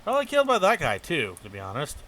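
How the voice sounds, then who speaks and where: A man giving excitable, casual commentary while playing a game, often chuckling to himself, with a noisy recording. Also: a little high, fast talker. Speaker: gameplay commentator. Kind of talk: casual let's-play commentary.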